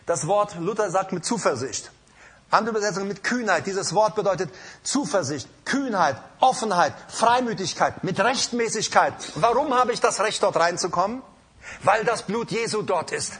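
A man's voice: high-pitched, lively intonation, normal speed, fairly bright tone, slightly rough. A man preaching an emphatic sermon with an altar call in a church, calling out to the congregation. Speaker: pastor. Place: church hall.

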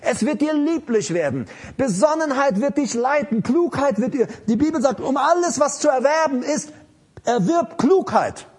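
A man's voice: very high-pitched, expressive, normal speed, a little mellow. A man preaching an emphatic sermon to a congregation and repeating his key lines. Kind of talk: live sermon.

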